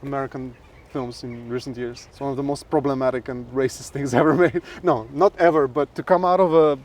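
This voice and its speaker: A man's voice: mid-range voice, steady tone. A man co-hosting a podcast, chatting casually and bluntly while strolling outdoors. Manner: blunt, opinionated, quick to joke. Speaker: podcast co-host. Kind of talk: casual chat while walking.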